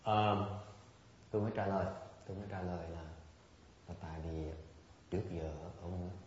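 A man's voice: low-pitched, steady tone, normal speed, darkish tone, slight background noise. A man giving an informal dharma talk to meditators, rambling and repeating words, chuckling as he mimics his students. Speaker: meditation teacher. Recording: dull, very echoey room recording.

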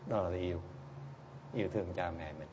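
A Buddhist teacher gives a dharma talk in a low-pitched voice, speaking a little fast. He is blunt and teasing as he answers listeners, repeatedly prompting them with short questions. The recording is muffled, with background noise.

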